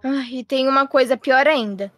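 A woman's voice: sits high, normal speed, fairly bright tone, dry recording. A woman playing a fawning, two-faced aunt in a Roblox role-play story, sugary and whiny. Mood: scheming. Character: scheming fawning aunt, middle-aged woman.

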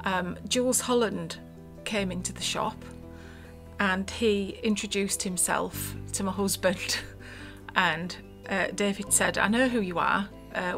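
A woman shop owner tells chatty stories, now and then laughing softly. Clear music runs beneath her voice. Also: mid-range voice. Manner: chatty, amused, with light laughs. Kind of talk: casual anecdote interview.

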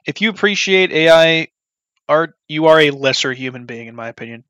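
A man's voice: fairly high pitch, lively intonation, fairly quick, bright, forceful tone, smooth, dry recording. A man giving casual gameplay commentary as a gaming YouTuber, rambling bluntly with many ums and restarts. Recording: slightly dull, dry recording.

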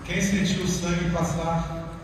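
A high-voiced man with a Brazilian Portuguese accent preaches into a handheld mic in a large church. He calls out questions, then slows to a soft, slow voice. The sound comes from far back, with a long echo. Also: level tone, noisy background. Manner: calls out questions to the crowd, then speaks softly and slowly. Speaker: deacon. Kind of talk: sermon talk to a church group. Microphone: handheld mic, filmed from the pews.

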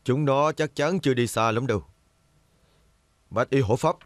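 A man's voice: mid-range voice, normal speed, no echo, natural voice. A man dubbing a scheming young noble who commands his men. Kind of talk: dubbed TV drama.

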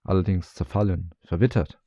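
A man reading a storybook, voicing a stooped old village man who asks his questions slowly and with measured wonder. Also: deep voice, mellow, no room sound, highs cut off. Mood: puzzled.

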